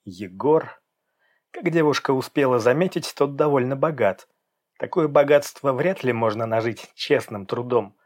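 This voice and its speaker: A man reads a story aloud as audiobook narration. His delivery is even and measured, at a mid pitch for a man.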